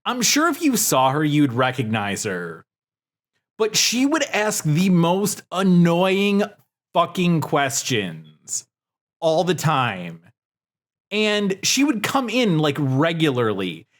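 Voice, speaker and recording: A man's voice: a little high, wildly swooping pitch, slow pace. A man co-hosting a podcast, telling stories in casual chat, rambling and profane with lots of fillers. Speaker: podcast co-host.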